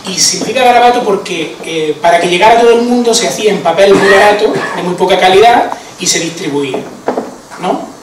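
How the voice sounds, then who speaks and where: In an echoey conference hall, heard from far off amid background noise, a man from Andalusia, Spain, speaks briskly in a high voice. His informal talk is chatty and peppered with fillers and tag questions, all in an Andalusian Spanish accent.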